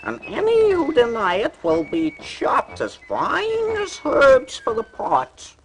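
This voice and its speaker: A man voicing a clever, bold male cat in a storybook record, using a high, sly, theatrical put-on voice. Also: huge pitch swings, slow, fairly bright tone, a little hiss or hum, full character voice. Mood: threatening.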